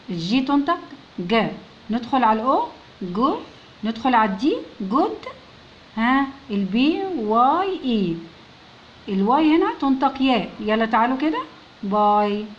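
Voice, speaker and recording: A woman with an Egyptian Arabic accent teaching young children, patiently sounding out words letter by letter and coaxing them to answer. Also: on the high side. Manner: coaxing, keeps prompting pupils to answer. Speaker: English teacher. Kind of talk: recorded lesson for young children. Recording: dull lo-fi recording with faint noise.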